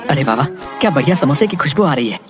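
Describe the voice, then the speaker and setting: An actor voicing a simple, scheming village husband in a cartoon, who talks to himself with chuckles and drawn-out exclamations. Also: mid-range voice, sing-song, over music, natural voice.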